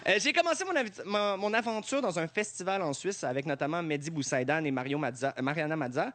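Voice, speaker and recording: A man with a Québécois accent doing a stand-up comedy routine, animated and laughing often at his own jokes. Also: on the high side, fast, no room sound. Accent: Québécois French.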